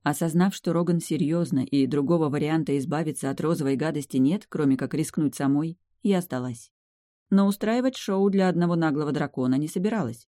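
A woman narrating a first-person fantasy audiobook in a lively, expressive way. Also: sits low, a little fast, no room sound, clean studio sound.

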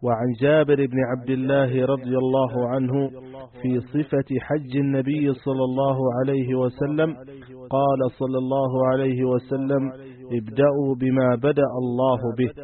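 A man reading a religious text aloud for the lesson in a measured recitation. His voice barely rises or falls, and it comes through thin and phone-like. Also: medium pitch, flat delivery.

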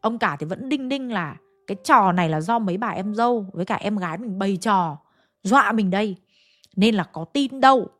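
A woman's voice: medium pitch, expressive, fairly quick, fairly bright tone. A woman telling a ghost story in a chatty, conversational way, speaking straight to her listeners. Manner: chatty, addresses listeners directly.

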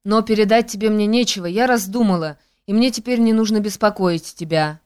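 A woman's voice: medium pitch, brisk, a little mellow, clear, resonant tone, close to an everyday voice. A woman reading an audiobook, voicing a proud, fiery young woman singer who speaks in a cutting way. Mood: warm, teasing.

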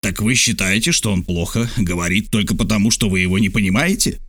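A man voicing a calm, dryly ironic military major in an audiobook. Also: mid-range voice, moderate pace, no room sound, studio quality, natural voice. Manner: calm, teasing. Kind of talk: audiobook character voice.

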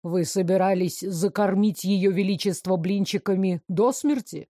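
Brief: velvety-voiced, mocking male mayor, voiced by a woman reader; slow ironic delivery, dry sound. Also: medium pitch, warm tone, no echo, voice pushed down, natural voice. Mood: mocking calm.

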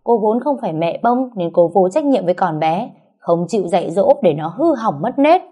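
A woman's voice: mid-range voice, sing-song, moderate pace, mellow, husky. Woman playing a sneering spiteful neighbor. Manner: sneering, scolding. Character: spiteful middle-aged woman, sneering and loud.

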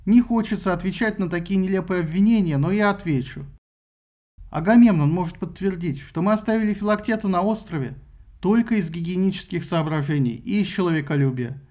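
A man's voice: sits high, a little mellow, muffled recording, lightly acted. A man voicing a cunning, eloquent male hero making a sly, persuasive speech in an audiobook. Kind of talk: audiobook character voice.

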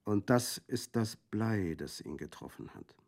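A man reading a story aloud, voicing a fierce, vengeful young woman with slow, solemn intensity. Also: on the low side, expressive, creaky, darkish tone, full character voice.

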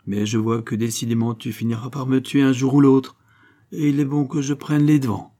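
A man reading aloud plays a calm, calculating young nobleman who speaks with guarded coolness. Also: mid-range voice, brisk, voice pushed up, natural voice. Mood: grim. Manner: calm, guarded, quietly scheming.

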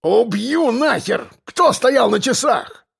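A shrieking convict gang boss. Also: male voice, animated, slow, creaky, husky, exaggerated voice. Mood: furious. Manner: bellowing, swearing, shrill shouting. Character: furious loud male convict gang boss. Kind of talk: audiobook character voice.

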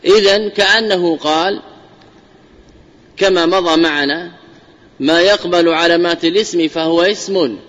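A man delivers a grammar lesson as a sheikh, his voice sitting a bit high. He speaks deliberately, circling back to restate each definition. The recording is muffled and lo-fi, with a long reverb tail. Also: a bit bright. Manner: deliberate, repeats key phrases, restates definitions. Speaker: sheikh teaching Arabic grammar. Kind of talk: classical Arabic grammar lesson. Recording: muffled lo-fi lecture audio with long hall reverb.

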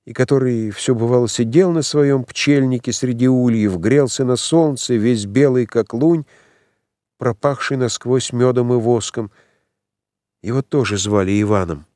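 A man's voice: medium pitch, unhurried, warm tone, dry recording, studio quality. Male narrator reading dramatically. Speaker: audiobook narrator. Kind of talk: scripted audiobook narration.

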